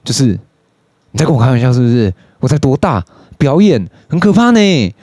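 A young man with a Taiwanese Mandarin accent tells a story from his youth as a podcast host. He swears often and jumps into high, squeaky voices when he imitates other people. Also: very animated, a little fast, dark tone, dry recording, clean studio sound. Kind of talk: casual storytelling monologue.

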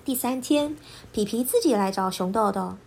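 A woman storyteller narrating a children's storybook in an expressive, lilting voice. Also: mid-range voice, a little hiss or hum. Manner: expressive, lilting, slow and clear.

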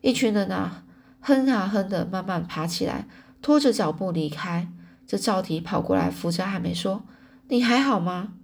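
A woman's voice: medium pitch, normal speed, vocal fry, husky. Woman reading a novel aloud casually. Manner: relaxed storytelling with fillers. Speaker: audiobook reader. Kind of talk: casual audiobook narration.

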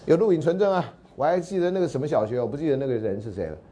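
A man with a Taiwanese Mandarin accent races through a university lecture of anecdotes, talking very fast in a slightly high, warm voice, with a little hiss or hum behind him. He keeps it chatty, acts out the exchanges and repeatedly asks whether everyone follows.

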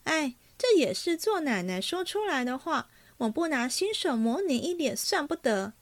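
A woman reading aloud, voicing a cheeky, quick-witted young maidservant with playful retorts. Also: high-pitched, very animated, voice pushed up.

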